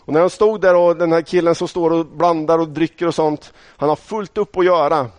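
A man's voice: fairly high pitch, steady tone, darkish tone, dry recording. A middle-aged man from Sweden preaching a sermon, telling stories from his own life in a conversational way and speaking straight to the congregation. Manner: storytelling, conversational, addresses the congregation directly.

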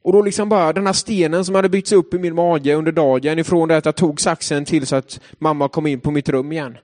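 A young man leads a devotional in a loose storytelling way, his voice sitting a little higher than most men's. He drifts between story and reflection with plenty of hesitant filler sounds, keeping it casual and chatty. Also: fairly even intonation, a little mellow. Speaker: youth leader giving a devotional talk.

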